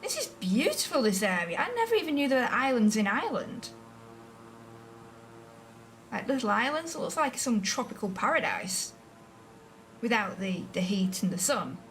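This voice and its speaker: An English woman streams a flight simulator game, chatting casually, thinking aloud and second-guessing herself. Her voice is on the high side, sing-song and a bit bright at a moderate pace, slightly distant from the mic with faint music behind.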